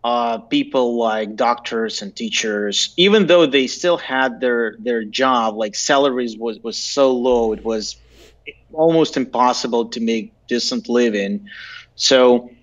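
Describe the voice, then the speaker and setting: A man in his thirties with a Belarusian accent, telling stories casually and haltingly as an interview guest. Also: mid-range voice. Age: 30s. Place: indoor room, video call. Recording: dull lo-fi video-call audio.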